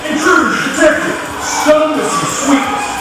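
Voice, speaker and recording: A man voicing a stern security robot that shouts clipped intruder alarms over a ride loudspeaker. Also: extremely high pitch, measured pace. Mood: alarmed. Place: indoor theme park dark ride. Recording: echoey ride loudspeaker from far off, loud music and crowd.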